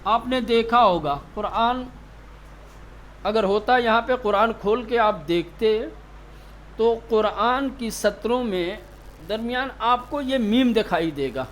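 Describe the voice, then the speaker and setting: A man teaching tajweed in a classroom, asking his students questions and answering them himself, slowing down to repeat key terms. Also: sits high, slight background noise. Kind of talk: classroom lecture.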